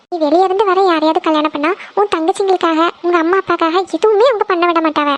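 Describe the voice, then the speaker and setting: A woman's voice: extremely high pitch, dry recording. A woman voicing a practical, outspoken young woman friend in a cartoon, giving blunt advice. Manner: scolding, advising. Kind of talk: cartoon voice acting.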